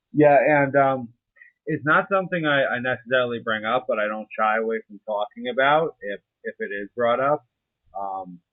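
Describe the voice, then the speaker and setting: A man's voice: lowish voice, no echo. A young adult man talking casually and informally in an interview, hesitant and a little profane. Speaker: interview participant, serving soldier. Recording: muffled narrow phone-like line.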